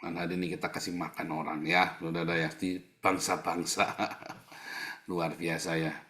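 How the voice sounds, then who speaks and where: A man preaching a sermon, conversational, repeating phrases for emphasis and swinging between loud bursts and quiet asides to the congregation. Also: low-pitched, level tone, moderate pace.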